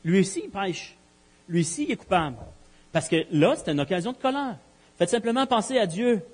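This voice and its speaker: A man's voice: high-pitched, animated, brisk, slight background noise. A man preaching a sermon, emphatic, with rhetorical questions and repeated key phrases. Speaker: pastor. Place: church. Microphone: live-streamed church recording.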